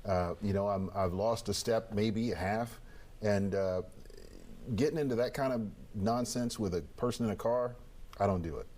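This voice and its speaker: A man in his late fifties with a fairly low voice, talking as a guest in an interview. He is folksy and plain-spoken, giving his view conversationally. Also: normal speed, a little mellow, a little hiss or hum.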